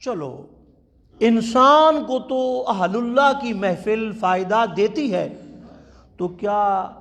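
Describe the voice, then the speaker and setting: A man preaching a sermon at a religious conference in a mosque, telling stories with passion and chanting quotations slowly. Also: sits high, fairly bright tone. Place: large mosque. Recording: long hall reverb.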